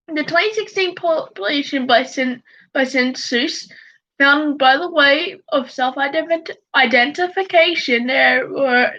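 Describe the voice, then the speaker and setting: A young woman vlogging in casual chat, reading facts aloud, stumbling over words and swearing in loud outbursts. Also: high voice. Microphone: computer mic. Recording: dull lo-fi home recording.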